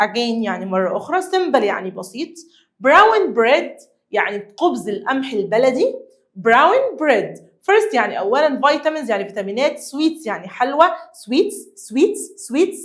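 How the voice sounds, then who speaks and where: A young Egyptian woman with a high voice teaches an English lesson to children. She is lively and coaxing and repeats each new word slowly for her pupils. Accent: Egyptian Arabic. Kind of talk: classroom lesson explaining vocabulary.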